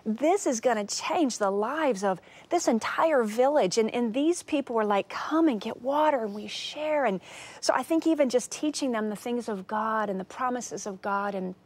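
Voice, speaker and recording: An earnest, animated middle-aged woman speaking as a talk show guest, her voice sitting a little high. She tells her story with feeling and bursts into lifted, excited tones when she quotes. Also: moderate pace. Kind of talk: casual talk show testimony.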